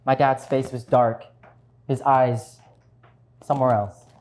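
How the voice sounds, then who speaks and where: A man playing both parts in a one-man show, earnestly and deliberately narrating a refugee family's story on stage. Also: medium pitch, steady tone, darkish tone, close to an everyday voice. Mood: earnest, reflective. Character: grown child earnestly recounting a refugee mother's childhood.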